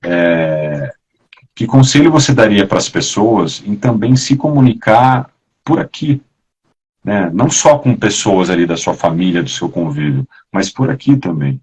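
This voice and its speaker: A man talks as a guest in a relaxed, chatty way, often dropping casual fillers. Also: fairly low pitch, a little slow, husky, rough recording. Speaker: guest actor. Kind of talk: casual conversation.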